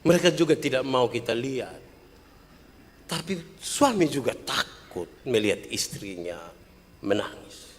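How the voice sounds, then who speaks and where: A pastor preaching a sermon, swinging between loud bursts and quiet asides. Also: male voice, unhurried, long pauses. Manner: animated preaching, swings from shouts to low asides. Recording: long hall reverb.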